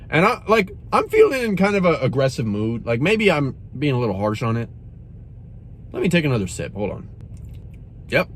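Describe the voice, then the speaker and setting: A man's voice: medium pitch, slight background noise. A young man reviewing a drink in a casual, exasperated rant, saying "bro" often. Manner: animated, exasperated, says "bro" a lot.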